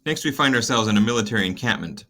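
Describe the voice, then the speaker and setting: A man's voice: on the low side, expressive, rapid-fire, sharp tone. A man narrating a casual scene-by-scene summary of a play, in a wry, conversational manner.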